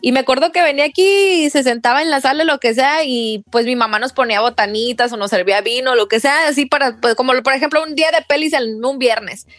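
A woman's voice: sits high, quick pace, hardly any pauses, a bit bright, dry recording, faint music behind. A young woman, a radio co-host chatting and telling personal stories. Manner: chatty, laughs easily, tells personal anecdotes. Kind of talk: casual radio chat.

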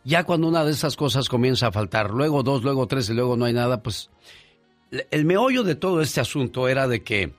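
A man's voice: mid-range voice, brisk, no room sound, faint music behind. A man hosting a call-in radio show, conversational and full of questions. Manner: conversational, lively, asks questions.

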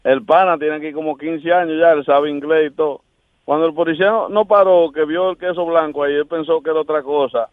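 A man's voice: fairly high pitch, fairly even intonation, fairly quick, dry recording. A man calling in to a radio show and telling a funny story in an easygoing way. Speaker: radio caller. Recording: dull phone-line caller audio.

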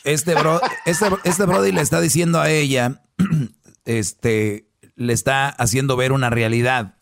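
A man's voice: mid-range voice, a little slow, gravelly, dry recording, clean studio sound. A man hosting a podcast, commenting on a clip in a ranting, preachy way. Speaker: podcast host.

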